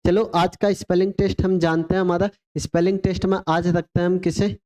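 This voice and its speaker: A man leads an English vocabulary class with a warm, mellow voice. He works by call and response, throwing out rhetorical questions and answering them himself. He spells each word slowly, one letter at a time, as a drill. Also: sits high, little pitch movement. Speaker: English teacher. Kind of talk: exam vocabulary lesson.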